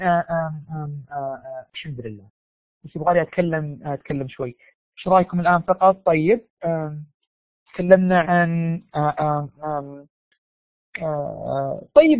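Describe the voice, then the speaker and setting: A Saudi university lecturer, unwell with a sore throat, runs a live online class in a slightly high voice with a Saudi Arabian accent. He's animated, pulling answers from students with quiz questions. The dry, phone-like recording has no echo.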